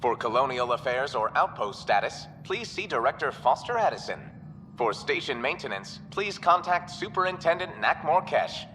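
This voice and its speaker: A man voicing a calm, informative male announcement system heard over a space station's public address speakers in a video game. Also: medium pitch, moderate pace, long reverb tail, soft background music. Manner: even, formal announcer delivery.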